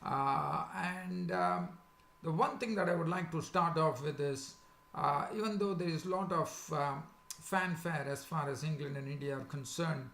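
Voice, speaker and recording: Male sports preview host, sore swollen throat with some creak, halting delivery, echoey room. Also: a little high, a bit bright. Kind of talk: casual unscripted sports preview commentary. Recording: echoey, roomy sound.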